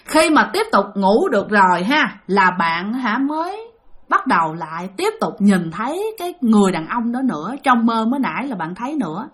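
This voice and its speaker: A woman's voice: on the high side, sing-song, normal speed, fairly bright tone. A woman with a Southern Vietnamese accent narrating a ghost story, chatty and talking straight to her listeners. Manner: chatty, addresses listeners directly.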